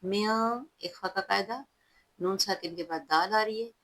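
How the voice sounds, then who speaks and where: A woman teaching recitation, who alternates drawn-out chanted recitation with calm, patient spoken explanation. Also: mid-range voice, rough recording. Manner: patient, instructive tone. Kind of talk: slow, careful recitation lesson.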